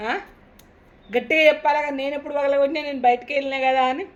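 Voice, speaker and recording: A woman's voice: high-pitched, steady tone, very fast, dull audio. A woman, teasing and coaxing a kid after a prank, pressing him with questions. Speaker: prank vlogger. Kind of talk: casual teasing chat.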